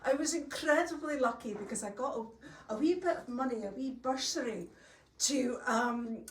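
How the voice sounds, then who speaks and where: A middle-aged Scottish woman with a high voice tells a folk tale at normal speed to a live audience in a longhouse hall, keeping it chatty and homely with folksy asides. The storyteller is recorded from a distant mic in an echoey room, with a little hiss or hum.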